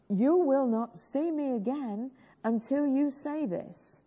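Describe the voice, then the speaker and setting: In a dull lo-fi recording, a woman delivers a sermon and leads a worship song, coaxing the congregation to sing along and earnestly pressing them on. Her growly voice is a little high, mellow, and husky.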